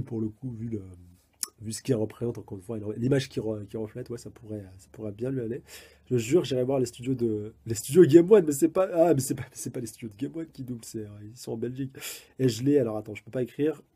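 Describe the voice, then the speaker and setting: A man's voice: medium pitch, dark tone, husky. A man hosting an anime review channel, talking through an episode in a chatty, rambling way and correcting himself as he goes. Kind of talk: casual spoken episode review.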